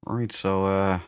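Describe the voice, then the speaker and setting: Studio-quality, dry audio captures a low, clear and resonant man's voice. He is a let's play host in a casual playthrough, muttering to himself and repeating phrases playfully, with loud video game sound in the background.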